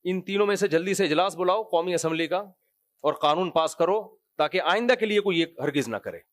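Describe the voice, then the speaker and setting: A man voicing a scheming noblewoman who feigns wronged innocence, speaking in a soft, coaxing, insinuating way. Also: high voice, lively intonation, no room sound.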